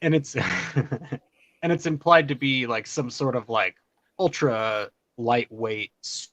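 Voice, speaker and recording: A man hosting a casual rewatch podcast, chatty and quick to laugh as he steers the talk. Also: mid-range voice, a bit bright, no room sound. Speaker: podcast host.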